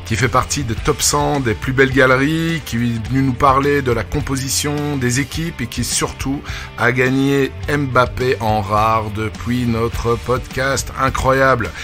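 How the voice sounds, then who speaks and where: A male podcast host with an upbeat, friendly manner, his pitch sitting mid-range for a man. A faint bed of music plays under his voice. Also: fairly even intonation, measured pace, a bit bright. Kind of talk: casual podcast interview.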